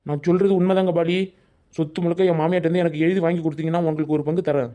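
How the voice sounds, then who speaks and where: A man's voice: fairly high pitch, little pitch movement, rapid-fire, dark tone. A man voicing a self-pitying, scheming middle-aged village man in a cartoon. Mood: persuasive. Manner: whining, scheming. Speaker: cartoon voice artist. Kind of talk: Tamil cartoon voice acting.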